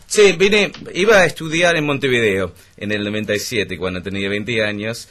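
A man's voice: on the low side, lively intonation, normal speed, fairly bright tone. A man from England whose first language is English, a writer guesting on a radio show, telling stories in a joking way with frequent restarts. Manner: wry, joking storyteller with hesitant restarts. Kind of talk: casual radio interview chat. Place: radio studio.

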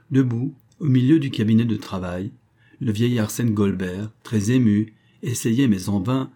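A man narrating an audiobook in a steady, measured reading style. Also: fairly low pitch. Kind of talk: scripted narration.

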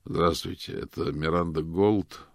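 A man voicing a calm, polite male detective questioning someone on the phone. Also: sits low, unhurried, creaky, no echo, studio quality.

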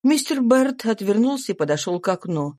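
A woman narrating a classic novel as an audiobook in a measured storytelling manner. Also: medium pitch, big pitch swings, darkish tone. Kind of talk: scripted narration.

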